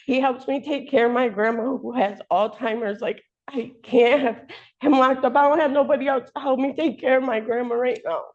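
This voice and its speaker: A woman's voice: high voice, fairly even intonation, brisk, a little mellow. A woman making an unscripted, informal plea in court, insistent and colloquial. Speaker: defendant's partner pleading in court. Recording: dull, muffled lo-fi courtroom audio.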